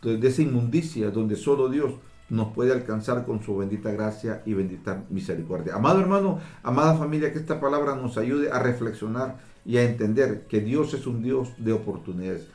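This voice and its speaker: A man's voice: medium pitch, lively intonation, a little fast, hardly any pauses, darkish tone, reverberant. A man preaching a fervent sermon who keeps calling his listeners brothers and repeats his phrases.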